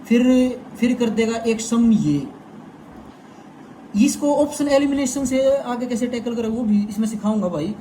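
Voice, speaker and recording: A man's voice: very high voice, expressive, unhurried, mellow, slight background noise. A young man teaching an exam-prep lesson in a chatty way, often calling the viewer "brother". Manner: chatty, repeats "bhai" to the viewer. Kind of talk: casual explainer lesson.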